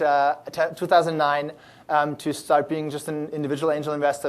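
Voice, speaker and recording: A man speaking to a live audience at a startup event, pitched a bit higher than most men. He talks loosely and cheerfully, restarting phrases and filling pauses with "um" and "uh" as he tells stories. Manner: many fillers and restarts, animated and upbeat. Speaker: startup accelerator founder giving a talk. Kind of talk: conference talk.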